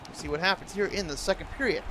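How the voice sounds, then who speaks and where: Guy doing hockey announcer impression, play-by-play of a video game, voice a bit high, noisy game sound behind him. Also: very fast. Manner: imitating a TV sports announcer's delivery. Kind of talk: live sports commentary over video game.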